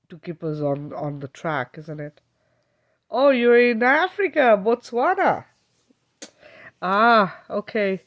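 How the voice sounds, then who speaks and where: A Kenyan spiritual healer hosts a live stream, talking casually and reassuringly to viewers in a lowish voice. She often checks in with them by asking "okay?".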